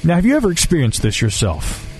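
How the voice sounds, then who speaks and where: A man's voice: on the high side, huge pitch swings, quick pace, faint music behind. A man with a Southern American accent hosting a podcast, reading listener stories aloud with wry asides. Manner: wry, conversational, reads quotes then comments. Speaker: podcast host.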